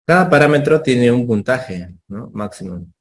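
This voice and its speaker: A man's voice: mid-range voice, animated, moderate pace. A man teaching a medical lesson, explaining step by step, ending phrases with tag questions and acting out short exchanges with patients. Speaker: medical lecturer.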